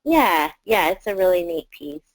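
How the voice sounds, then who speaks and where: Lower-voiced woman presenting to teachers. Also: expressive, moderate pace, low-quality recording. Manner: conversational, with frequent fillers. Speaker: arts education presenter. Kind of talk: presenting video series to teachers.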